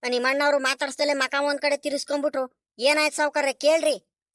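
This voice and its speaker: A woman's voice: high voice, level tone, fairly quick, fairly bright tone, dry recording, studio quality. A woman voicing a fussing village servant woman. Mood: urging. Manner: urging, repeating the address to her master. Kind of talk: animated cartoon voice acting.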